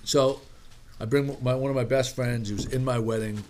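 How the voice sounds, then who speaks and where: A man swapping stories in a casual chat, stumbling through restarts and swearing freely. His voice sits at an ordinary pitch. Faint noise and clicks run under the recording. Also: steady tone, moderate pace, darkish tone. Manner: profane, storytelling with many restarts.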